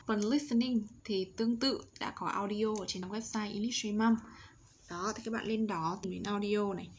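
A woman's voice: medium pitch, fairly even intonation, lo-fi sound, slight background noise. Vietnamese woman teaching children English. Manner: slow, exaggerated pronunciation drills. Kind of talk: online English lesson for children.

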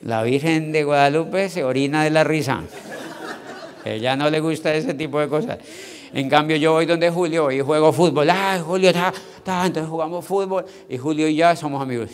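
A man giving an energetic motivational business talk, acting out little dialogues with loud bursts. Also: on the high side, normal speed. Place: large convention hall. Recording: long hall reverb.

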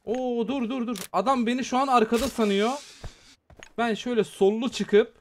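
A gaming streamer man with a fairly high voice calls out his match in rapid, excitable bursts. He talks straight to his viewers the whole time, and a faint noise sits under the recording. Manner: excitable, chatty, talks to viewers while playing. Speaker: gaming YouTuber. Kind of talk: live mobile game commentary.

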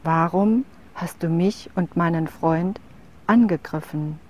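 A woman voicing a grieving woman in a storybook tale who defends her wolf, speaking quietly and with hurt. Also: on the low side, slow pace. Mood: toneless.

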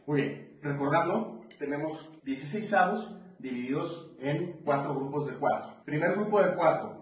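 A man's voice: on the high side, darkish tone. A man teaching a drum lesson, explaining rhythm step by step and counting beats aloud. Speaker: percussion teacher. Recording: roomy, distant mic with faint noise.

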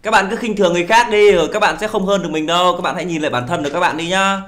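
A man's voice: sits high, very fast, a bit bright, soft background music. A young man hosting a gaming video, pleading and playfully self-pitying as he banters with teammates. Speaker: gaming channel host. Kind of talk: casual live commentary while playing.

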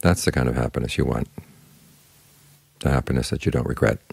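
A Buddhist monk and meditation teacher with a very deep, gravelly voice gives a short spoken Dhamma talk guiding meditation. He's calm, instructive, and plain-spoken, talking a little fast.

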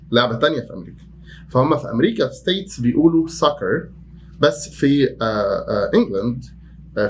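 A man with an Egyptian Arabic accent teaching English vocabulary to beginners. He repeats each word and sentence slowly, then explains it quickly. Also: mid-range voice, slight background noise.

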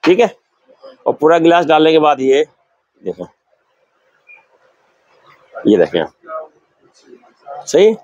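A man's voice: a little high, sing-song, slow, pauses often, a little mellow, no echo, dull audio. An older man from Pakistan, a leather shop owner explaining his goods in a sales demonstration, on a lapel mic in a large shop. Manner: explanatory, shows goods while talking.

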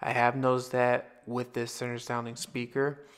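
Male vlogger, mid-pitched, casual rambling product review with frequent restarts. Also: completely flat delivery, moderate pace, clear, resonant tone. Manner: rambling, repeats himself, restarts phrases. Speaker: tech reviewer.

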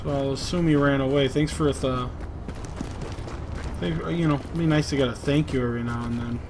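A man's voice: mid-range voice, steady tone, a little fast. A man giving casual, laid-back gameplay commentary, talking to himself as he plays. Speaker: gaming streamer. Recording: game gunfire and street noise behind. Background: video game ambience, gunfire, vehicles.

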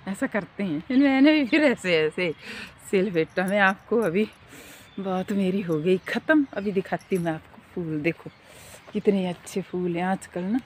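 Middle-aged woman, casual walking vlog, chatty, animated storytelling, keeps asking for agreement, phone mic, outdoor park, faint background noise. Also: mid-range voice, a little slow. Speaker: vlogger and mother. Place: outdoor park on a foggy day.

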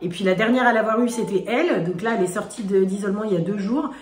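A French woman in her forties, hoarse today, vlogs for her family from her home kitchen, talking fast at medium pitch to a phone camera held at arm's length. She chats casually with many fillers and restarts, and the room is echoey with family noise in the background.

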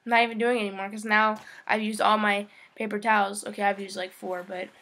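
A woman's voice: mid-range voice, little pitch movement, a little fast, fairly bright tone, a little hiss or hum. A young woman in her teens making a casual home vlog, chatty and frustrated, swearing often. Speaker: vlogger.

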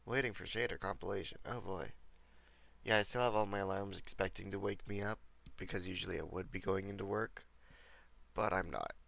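Gravelly young man streaming with a cold. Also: low voice, fairly even intonation, brisk, fairly bright tone. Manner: rambling, chatting to viewers. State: recovering from a cold. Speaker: livestreamer. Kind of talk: casual gameplay commentary.

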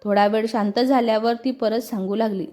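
A woman narrating a story calmly in a scripted reading. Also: on the high side, brisk. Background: faint music.

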